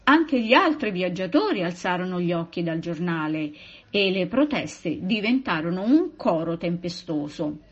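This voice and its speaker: A woman teacher reading a children's story aloud with expressive, animated delivery. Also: fairly low pitch, normal speed, slightly rough. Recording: muffled lo-fi recording.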